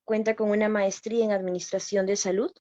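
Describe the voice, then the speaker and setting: Lady hosting a webinar, formal read-out intro, mellow voice over flat muffled call audio. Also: medium pitch, fairly quick, no echo. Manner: formal, reading a prepared introduction. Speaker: webinar moderator. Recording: dull, dry lo-fi call audio.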